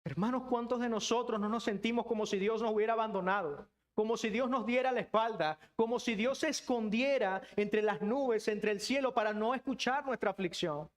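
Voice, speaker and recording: A male preacher delivers a sermon in a fairly high voice. He presses the congregation with rhetorical questions. He often sinks into hushed, low tones to let a point land. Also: brisk, hardly any pauses. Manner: earnest, drops to hushed low tones for emphasis.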